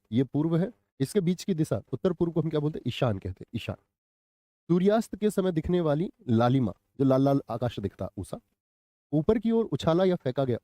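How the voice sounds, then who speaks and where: Guy teaching grammar live online, mellow voice, dry close sound, keeps asking questions and saying the answers twice. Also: fairly high pitch, dry recording. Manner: quizzing viewers, repeating answers. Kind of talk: live online class lesson.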